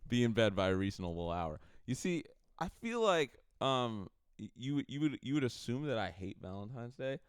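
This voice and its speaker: A man in his late twenties co-hosting a podcast, chatting casually and telling stories in a joking, animated way. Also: medium pitch, normal speed, hardly any pauses, smooth, dry recording, studio quality. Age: late 20s. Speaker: podcast co-host. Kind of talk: casual chat.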